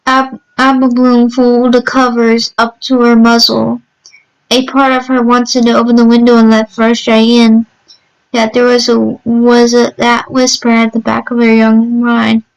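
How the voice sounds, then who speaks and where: Woman, horror story narration, higher-pitched, smooth clear tone, halting delivery with repeated words. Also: monotone, dull audio.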